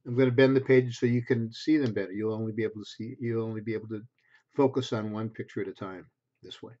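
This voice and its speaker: Fast and fairly low-pitched, a man in his sixties reads a picture book to preschoolers, using expressive, simple phrases and a few small asides. He's in a small bedroom at home, picked up by a desk-distance webcam that makes the sound dull and lo-fi.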